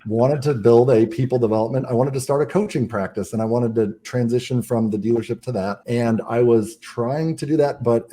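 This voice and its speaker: A man's voice: mid-range voice, warm tone. A man who is a podcast guest, telling his own life story in casual talk, earnest and full of restarts. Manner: earnest, rapid, with frequent restarts.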